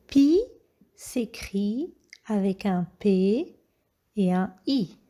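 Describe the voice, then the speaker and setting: A woman teaching a reading lesson to young children, drilling syllables slowly and carefully. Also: medium pitch, dark tone.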